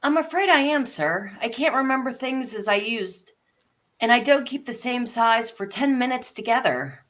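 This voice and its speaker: A woman's voice: a little high, expressive, moderate pace, fairly bright tone. A woman voicing a polite, bewildered but plucky little girl in a storybook live read, earnest and prim. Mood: polite, confused. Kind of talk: live reading of an abridged classic story.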